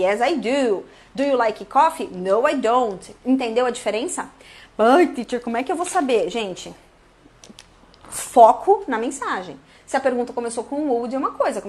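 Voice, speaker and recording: A Brazilian woman with a Brazilian Portuguese accent, an English teacher chatting through a live online lesson in a lively way and acting out little dialogues. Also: a little high.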